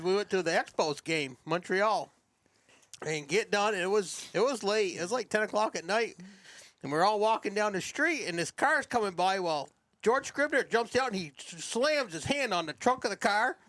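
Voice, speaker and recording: A man tells a funny story with animated energy, laughing along the way. His voice is high and bright. His pitch swings widely. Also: moderate pace, no room sound. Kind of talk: casual storytelling.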